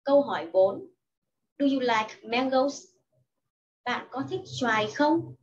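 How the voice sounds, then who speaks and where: A woman teaching young children English in a slow, patient lesson, reading each sentence and explaining it in Vietnamese. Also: high-pitched, expressive, recorded from a distance, highs cut off. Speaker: primary school English teacher.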